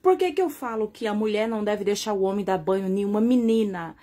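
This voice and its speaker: A woman's voice: mid-range voice, fast, mellow. A woman with a Brazilian accent gives an earnest first-person testimony about her family, speaking straight to her viewers and checking in with frequent tag questions. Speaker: mother telling her own story.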